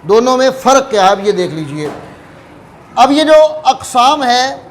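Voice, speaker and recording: A man teaching word pronunciation in a careful, deliberate way, repeating key words for emphasis. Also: very high-pitched, sing-song, slight background noise. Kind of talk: explanatory lesson.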